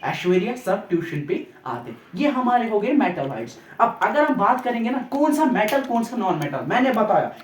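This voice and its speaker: A man's voice: high voice, very animated, normal speed, few pauses, distant mic. Teacher man drilling lesson in roomy echo. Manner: repetitive, drills mnemonics, checks understanding with tag questions. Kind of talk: classroom-style science lesson. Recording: roomy echo, off-mic, faint background noise.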